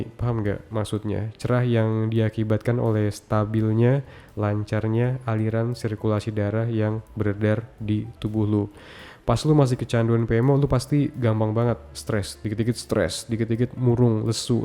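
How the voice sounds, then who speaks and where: A self-improvement content creator speaks straight to the camera in a relaxed, slangy advice monologue, addressing the viewer directly. His fairly low voice is dark and mellow, and he rattles off his points one after another in quick, short phrases.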